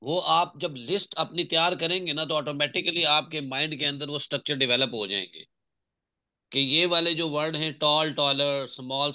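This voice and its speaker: A man's voice: on the high side, sharp tone, highs cut off. A man teaching English grammar, patient and repeating himself to check understanding. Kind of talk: online English grammar lesson.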